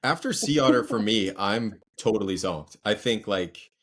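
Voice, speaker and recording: A fairly low-voiced man hosts a casual podcast. He asks loose, rambling questions and reacts to his guest with quick asides. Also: animated, a loud crowd. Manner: chatty, reacts with laughs and asides. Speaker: podcast host. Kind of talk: casual chat.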